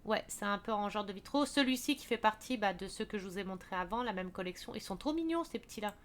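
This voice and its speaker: A woman's voice: mid-range voice, expressive, fast talker, slight background noise. A woman casually walking viewers through a craft shop's products, chatty with many fillers and restarts. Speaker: craft video creator.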